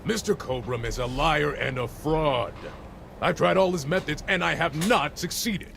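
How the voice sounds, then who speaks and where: An actor playing an indignant, blustering male customer with a pompous manner and a gravelly voice in a game. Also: fairly high pitch, normal speed, fairly bright tone, a little hiss or hum.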